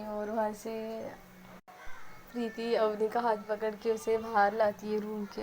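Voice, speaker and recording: A woman's voice: on the high side, dark tone, a little hiss or hum, rough recording. A young woman narrating a love story in casual speech, mixing in English words and acting out the characters' lines.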